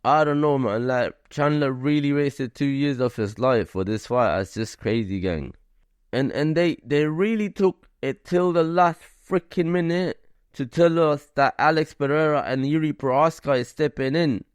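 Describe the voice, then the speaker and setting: A man's voice: fairly high pitch, moderate pace, smooth, no echo, clean studio sound. A man hosting a casual combat sports commentary vlog, talking in a loose, slangy way full of "like" and "you know".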